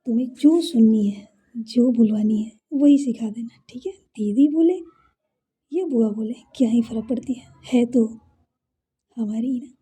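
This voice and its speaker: Caring, gentle sister-in-law voiced by a female narrator; dark, breathy delivery. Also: fairly high pitch, measured pace. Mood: tender. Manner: gentle, reassuring. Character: affectionate, caring young sister-in-law figure.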